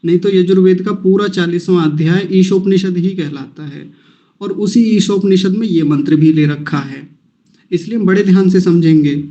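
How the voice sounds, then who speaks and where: A man teaching a lesson on a scripture verse. He patiently breaks each word into syllables and repeats them slowly. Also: sits high, mellow, dull audio. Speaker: Vedic mantra teacher. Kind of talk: recitation lesson, slow syllable drills.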